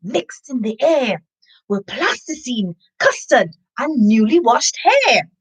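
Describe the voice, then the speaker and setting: A woman speaks slowly in a slightly high voice with a breathy edge. She's running a live story time for children, reading a picture book expressively with an animated delivery, chatting to listeners, sniffing, and adding asides.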